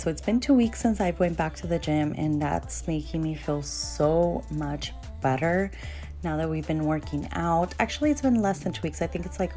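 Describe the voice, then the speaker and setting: A young woman talks casually and directly to her viewers in a cleaning vlog voice-over. Her voice sits low for a woman. Soft background music plays under her talk. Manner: chatty, talks straight to viewers. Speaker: cleaning vlogger.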